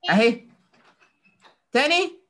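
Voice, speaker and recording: Bright-voiced Egyptian woman teaching children. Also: a little high, expressive, slow. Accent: Egyptian Arabic. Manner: coaxing and praising, mixing in English words. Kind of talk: online class drilling children. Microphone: video call.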